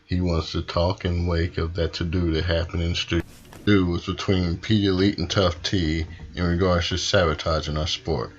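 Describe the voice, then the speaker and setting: A man's voice: deep voice, level tone, normal speed, highs cut off, lightly acted. A man playing a polite, slightly hesitant wrestling show announcer hosting a wrestling promo. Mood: businesslike.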